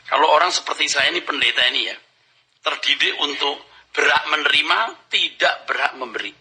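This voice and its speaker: A man's voice: a little high, lively intonation, brisk, pushed and bright, rough recording. A male pastor preaching a conversational sermon, acting out little dialogues and dropping casual slang and English phrases.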